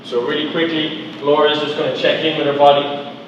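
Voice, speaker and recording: Male movement coach, calm guided body-scan cues, distant mic, roomy reverb. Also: on the high side, a little fast, muffled recording, a little hiss or hum. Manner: calm, questioning, step-by-step cues. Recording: echoey roomy sound from far off.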